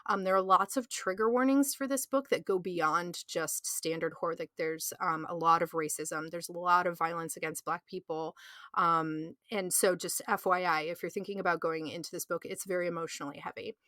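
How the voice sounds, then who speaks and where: A woman's voice: lowish voice, moderate pace, sharp tone, no echo, studio quality. A woman co-hosting a podcast in casual, enthusiastic chat, with lots of "like" and "um". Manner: enthusiastic, chatty, filler-heavy. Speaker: podcast co-host.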